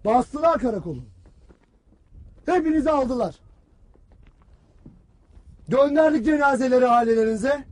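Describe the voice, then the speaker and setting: An actor playing a stern male army commander who berates his soldiers in a harsh, shouting, cutting voice. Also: extremely high pitch, lively intonation, normal speed, pauses often, dry recording. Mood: bitter. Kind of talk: film drama acting.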